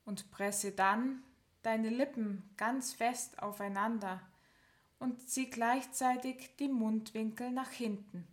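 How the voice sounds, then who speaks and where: Very slow, calm woman guiding relaxation. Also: on the high side. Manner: calm, instructive, counts down slowly with pauses. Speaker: relaxation guide. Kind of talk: guided progressive muscle relaxation.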